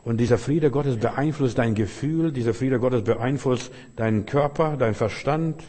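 An older pastor delivers an emphatic sermon, hammering his points home by repeating them and addressing the listener directly. His voice is husky, of middle pitch, and rings out with long reverb in a large church space. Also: moderate pace, dark tone.

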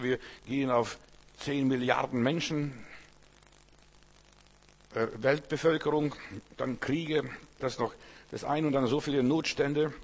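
Husky man preaching in repeated phrases. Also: mid-range voice. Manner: emphatic repetition of short phrases. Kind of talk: sermon.

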